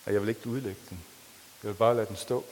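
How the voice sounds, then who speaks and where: A man preaching a sermon, reading a story aloud with feeling and then talking plainly with pauses and restarts. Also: on the low side, fairly even intonation, a little mellow, a little hiss or hum. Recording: long reverb of a hall.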